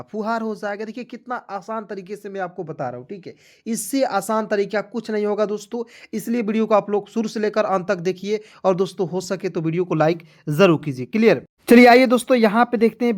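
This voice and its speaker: A man's voice: high voice, fairly quick. A man teaching an online spelling lesson, going through each step patiently and repeating it often.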